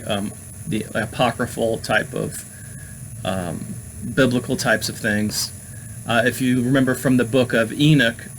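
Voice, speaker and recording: A man hosts a casual talk on occult topics at a middle pitch. He meanders through his points with frequent fillers and restarts. A faint background hum sits under his voice. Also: fairly bright tone, low-quality recording. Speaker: host.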